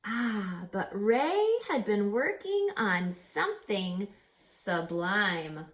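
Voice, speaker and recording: A woman with a mid-range voice, big pitch swings, and drawn-out words reads a children's story like a teacher. Dramatic and emphatic, she asks her listeners rhetorical questions and adds teacherly asides.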